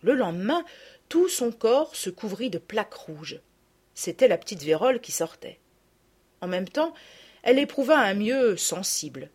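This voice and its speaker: A woman narrating a classic children's story aloud in an expressive reading style. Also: mid-range voice, unhurried, husky. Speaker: audiobook narrator.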